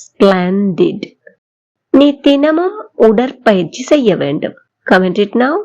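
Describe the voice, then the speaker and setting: A woman with a Tamil accent teaching spoken English, drawing out model sentences slowly for learners to repeat. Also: mid-range voice, sing-song, mellow, dull audio. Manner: slow, drawn-out model sentences for repetition. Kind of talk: bilingual language lesson.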